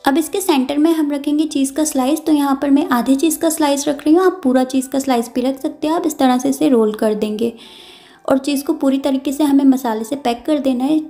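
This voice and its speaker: A woman with a high, soft and mellow voice narrates a home cooking recipe as a voice-over. She explains each step calmly and patiently, often restating amounts and tips. Faint music plays underneath. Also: a little fast. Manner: calm, instructive, repeats and clarifies steps. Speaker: cooking channel host.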